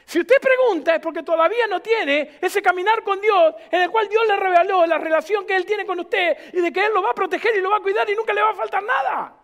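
A man's voice: extremely high pitch, fairly bright tone. A man, a pastor preaching emphatically to a church, firing off rhetorical questions. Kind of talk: sermon.

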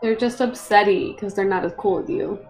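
A woman with a middle-pitched voice plays a tabletop game, tossing out playful jokes. Faint music plays underneath. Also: fairly quick, a little mellow, rough recording. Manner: joking, playful. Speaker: player. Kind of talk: tabletop role-play.

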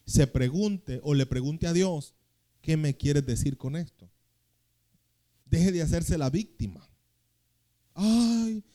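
A young male pastor, preaching a sermon that swings between loud, slow scripture reading and quick, quiet storytelling. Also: on the high side.

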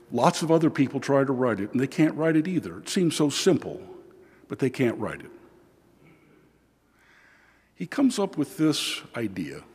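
A man preaching as a priest at church, reading scripture and giving a homily in a measured, deliberate way, with pauses. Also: medium pitch, a little mellow, breathy edge. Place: large church, indoors. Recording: long cathedral echo, large hall.

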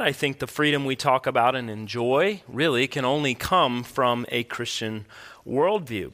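A man's voice: medium pitch, sharp tone. A man, a pastor, preaching a sermon earnestly and emphatically into a pulpit microphone in a church. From United States. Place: church sanctuary.

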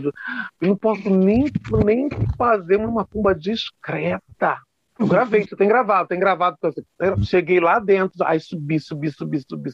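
A man with a slightly high voice tells comic tales in an interview, lively and theatrical, often popping into shrill voices for the people in his stories. The sound is dull and lo-fi, and very dry. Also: dry recording. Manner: animated comic storyteller, swings into high put-on voices. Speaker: guest author. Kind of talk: storytelling interview chat.

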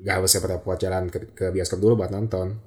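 A man's voice: deep voice, level tone, quick pace. A young man with an Indonesian accent and a slightly slurred r, chatting casually about films as a co-host and mixing in English phrases. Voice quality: slurred r, a slight speech impediment. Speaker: podcast co-host.

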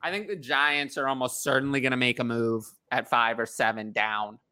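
A man co-hosting a casual sports talk show, chatting in an animated way. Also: medium pitch, normal speed, clean tone. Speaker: podcast co-host.

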